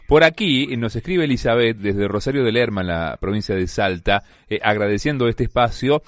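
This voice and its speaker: Hesitant radio host, low voice. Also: male voice, animated, a little fast, no room sound, studio quality. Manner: hesitant, many fillers. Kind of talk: hosting a call-in talk show.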